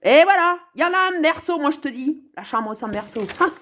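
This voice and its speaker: A woman's voice: sits high, expressive, brisk, a bit bright. A woman giving casual, sarcastic commentary on a song, talking straight to the viewer and swinging between mutters and exclamations. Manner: sarcastic, playful, talks to the viewer.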